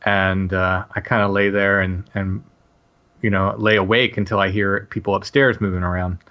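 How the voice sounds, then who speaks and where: A podcast guest in his late forties tells a personal story casually, halting often with restarts and fillers. His voice is deep and his delivery flat, and the recording sounds muffled.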